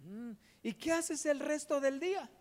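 A man voicing a pushy, educated man in a spoken parable, insistent and rising to loud exclamations. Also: very high voice, a little slow, voice pushed up. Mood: curious.

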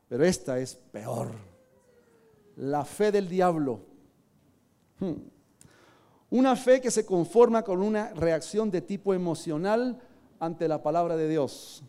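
A man preaching a sermon, telling stories dramatically and swinging between hushed and loud delivery. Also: high voice.

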